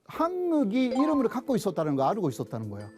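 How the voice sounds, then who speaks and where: A male professor with a Japanese accent gives an explanatory lecture in a high, very lively voice. His pitch swings widely as he sets up questions and answers them. The tone stays soft-edged, with faint music behind him. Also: fast. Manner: didactic, asks questions then answers them.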